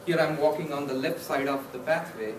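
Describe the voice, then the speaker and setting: A man's voice: fairly high pitch, a little fast. A man from India with an Indian accent giving a humorous contest speech, telling stories and acting out little scenes. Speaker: club contest speaker. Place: meeting hall with an audience. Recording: echoey hall, far mic, audience noise.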